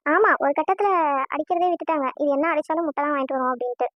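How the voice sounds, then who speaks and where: A flustered young woman from a cartoon, whiny and exasperated, played by a woman. Her voice is very high. The recording is dry and lo-fi. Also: rapid-fire, no echo, close to an everyday voice. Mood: complaining. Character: fretful young woman, college-bound, easily flustered. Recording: dull lo-fi dry sound.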